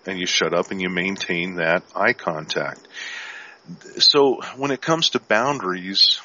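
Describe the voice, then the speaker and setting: A man talking calmly and firmly as an instructor in a live-streamed talk, sometimes acting out sample dialogue. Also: lowish voice. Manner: calm, firm, acts out sample dialogue. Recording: dull lo-fi stream audio.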